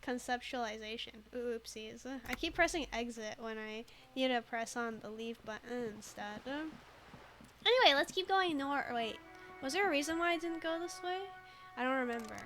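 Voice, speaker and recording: A woman's voice: on the high side, animated, normal speed, sharp tone, soft background music. A woman streaming a detective game, chatting playfully and laughing often. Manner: playful, giggly, reads game text aloud. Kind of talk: casual let's play commentary.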